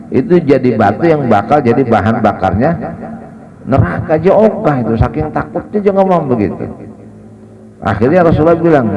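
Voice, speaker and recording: A man's voice: medium pitch, noisy background. A man giving a casual Ramadan sermon in a mosque, mixing Arabic recitation with chatty, joking storytelling. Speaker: ustadz giving a Ramadan study. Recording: dull lo-fi recording.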